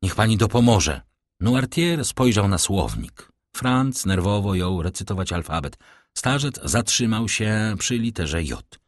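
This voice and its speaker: Deep, husky male audiobook narrator. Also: expressive, measured pace, no room sound, clean studio sound. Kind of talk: scripted narration of a classic novel.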